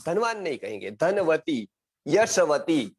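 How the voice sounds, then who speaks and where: A man's voice: fairly high pitch, sing-song, takes it slowly, darkish tone, husky. A middle-aged man from India teaching an online Sanskrit lesson, repeating words and checking that his students follow. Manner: quizzing students, repeats words, frequent "samajh gaye?". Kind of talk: explanatory online class lecture.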